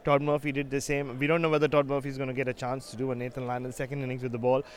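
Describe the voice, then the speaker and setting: A man's voice: medium pitch, flat delivery, rapid-fire. A man giving chatty, conversational analysis of a cricket match as a pundit, musing at length.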